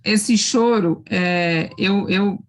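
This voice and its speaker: A woman on a group video call, speaking reassuringly with halting restarts. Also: mid-range voice, a little hiss or hum. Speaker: class participant.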